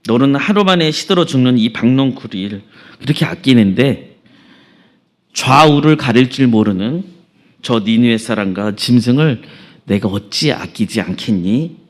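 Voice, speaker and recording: A man voicing a patient, gentle God. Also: mid-range voice, animated, close to an everyday voice. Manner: slow, gentle questioning. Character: patient, questioning male deity.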